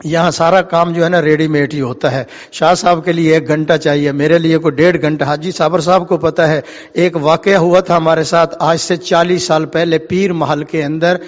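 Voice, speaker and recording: A fervent male preacher moves between chanted verse and impassioned speech, urging the listeners to call back. His voice sits high. The sound is muffled, with a long reverberant echo from the hall. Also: steady tone. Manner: fervent, urges the audience to call out responses. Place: mosque. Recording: dull, reverberant hall recording.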